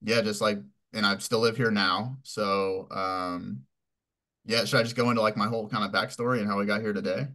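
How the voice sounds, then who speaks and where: A man's voice: lowish voice, steady tone, brisk, pushed and bright. A man in his twenties from Texas, telling his story as a podcast guest in a rambling way with many fillers. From Houston, Texas. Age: 20s. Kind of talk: casual interview answers.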